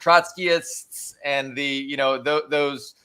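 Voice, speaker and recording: A man's voice: mid-range voice, steady tone, slow pace, bright, forceful tone, clean tone. A man hosting a podcast, putting questions to his guest with wry jokey asides. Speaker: host. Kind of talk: casual podcast talk.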